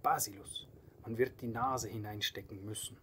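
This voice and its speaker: A man's voice: on the low side, steady tone, normal speed, sharp tone, slight background noise. Hieronymus, a vain collared bear, as a man reads him. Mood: fussy. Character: vain, sleepy, fussy younger male collared bear.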